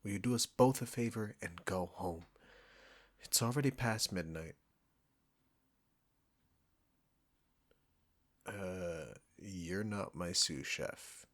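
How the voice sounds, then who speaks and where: A low-voiced man performs as a proud restaurant chef, speaking straight to the listener in an audio roleplay. His manner is combative, sarcastic, irritable and condescending, his mood curt and dismissive, and his pace measured.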